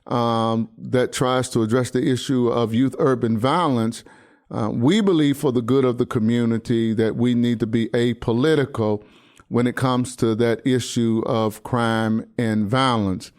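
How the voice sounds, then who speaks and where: Sixties male pastor hosting his own podcast monologue, mid-pitched, resonant, stop-start and sincere. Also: fairly even intonation, a little mellow. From United States. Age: 60s. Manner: halting, many restarts and fillers, earnest. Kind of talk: personal commentary monologue.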